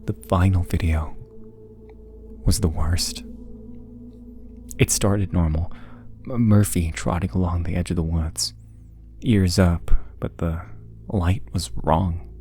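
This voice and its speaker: A man narrating a scripted scary story in a hushed, measured way with dramatic pauses. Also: low voice, steady tone, a little hiss or hum.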